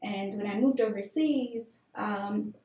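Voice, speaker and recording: A young Tanzanian woman, a guest in a conversational interview, tells her personal story candidly with frequent fillers. Her warm, mid-range voice moves slowly, and the room is echoey.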